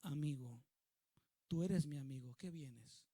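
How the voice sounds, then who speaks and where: A male pastor voicing a grieved man who confronts a friend who betrayed him, asking soft, reproachful questions. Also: on the high side, slow, dry recording, clean studio sound. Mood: hurt, reproachful.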